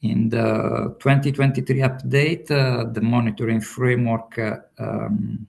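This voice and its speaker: A man presenting slides over a video call, speaking haltingly with many filler sounds. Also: mid-range voice, level tone, creaky, darkish tone. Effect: remote voice on a video call. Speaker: workshop presenter.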